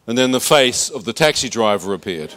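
A man telling his story in short, measured phrases, pausing between lines so they can be interpreted. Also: mid-range voice, lively intonation, a bit bright. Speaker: guest speaker giving testimony. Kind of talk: emotional spoken testimony, paused for interpreter.

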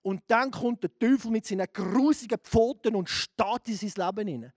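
Swiss German preacher, man, middle-aged, very high voice, fiery delivery that swings from hushed to shouting. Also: normal speed, no echo, studio quality. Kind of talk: sermon.

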